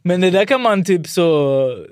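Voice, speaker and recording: A man hosting a casual podcast chat, relaxed and agreeable, chiming in with short replies. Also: high voice, dry recording, studio quality.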